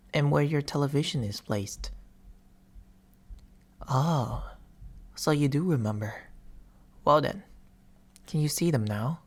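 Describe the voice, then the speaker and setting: In an ASMR roleplay, a man with a higher-pitched voice plays a teasing sleep paralysis demon. He speaks softly and breathily, often whispering, with slow, theatrical intimacy right up against a close binaural mic.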